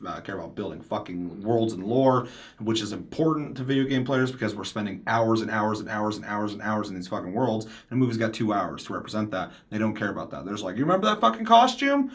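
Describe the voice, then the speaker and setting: A podcast host with a lowish voice talks fast with big pitch swings while hosting a casual panel discussion. He rants emphatically, swears heavily, and slips into mimicking other people's quotes.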